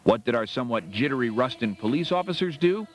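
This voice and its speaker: Animated male documentary presenter. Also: mid-range voice, fast. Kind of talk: dramatic scripted narration.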